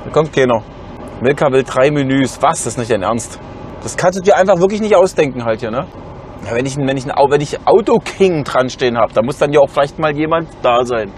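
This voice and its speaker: A man's voice: mid-range voice, animated, brisk. A man in his thirties with a German accent, griping irritably and crudely in a casual vlog rant. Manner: irritated, exasperated, foul-mouthed griping. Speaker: livestreamer driving. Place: inside a car. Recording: clear car road noise.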